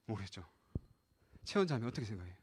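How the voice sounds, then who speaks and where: A man's voice: lowish voice, sing-song, fast, a little hiss or hum. A man preaching a live sermon as pastor, addressing the young listeners directly and acting out the voices in the scripture. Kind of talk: live sermon to a youth service.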